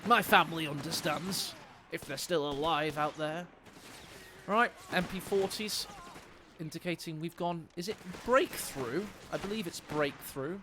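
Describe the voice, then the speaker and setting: Over a noisy background, a man with a slightly high voice casts a live strategy game match on stream at a measured pace. As an esports caster, he's jokey and playful, chatting directly with viewers.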